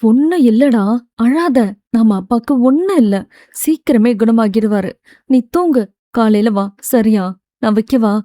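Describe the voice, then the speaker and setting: A woman voicing a caring young woman who speaks softly and coaxingly, in a dry, close recording. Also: on the high side, measured pace, no room sound, natural voice. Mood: soothing. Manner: soft, coaxing.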